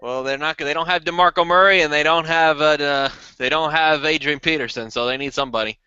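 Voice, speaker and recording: A man co-hosting a draft show has a bright, forceful voice with a crisp, clear edge. He drops wry, quick comments on the picks. The sound is dry and a little dull. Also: fairly high pitch, no echo. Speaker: co-host of draft podcast. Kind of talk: casual sports talk.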